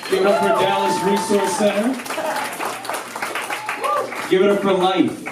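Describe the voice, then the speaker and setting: A man's voice: high voice, flat delivery, measured pace. A man in his thirties doing a loose, rambling stand-up comedy set, laughing between his jokes. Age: 30s. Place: small theater stage with audience. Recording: echoey room from far off, crowd noise.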